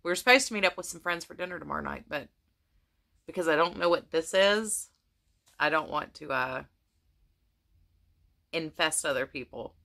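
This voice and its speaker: This American woman chats casually to her viewers about her crafts, rambling with many restarts, with long pauses and vocal fry as her voice starts to go. Her low voice is pushed and bright, and she talks at a normal speed.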